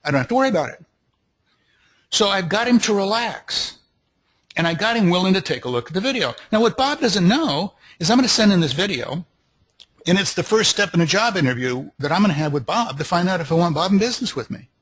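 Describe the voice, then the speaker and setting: A man with a slightly high, husky voice runs a network marketing training. His pitch is eager and salesy, and he circles back over the same points again and again. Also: very animated, a little fast, fairly bright tone, low-quality recording. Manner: enthusiastic, repetitive, salesy pep talk. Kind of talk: recorded sales training talk.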